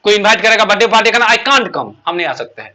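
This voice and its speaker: A man's voice: high-pitched, very animated, fast talker, pushed and bright. A man teaching a class, drilling students by asking questions and answering them himself. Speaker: English teacher. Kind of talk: classroom lesson.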